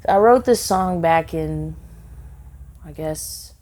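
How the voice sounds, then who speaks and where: A woman's voice: sits low, takes it slowly, a little mellow. A woman singer and songwriter, a guest in a casual podcast interview, talking earnestly and heartfelt with many "you know" fillers and restarts.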